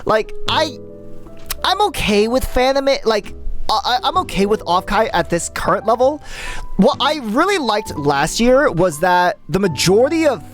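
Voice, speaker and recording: A streamer chatting casually with viewers, rambling and excitable, full of fillers and swearing. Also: medium pitch, a little slow, faint music behind. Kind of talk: casual live-stream chat.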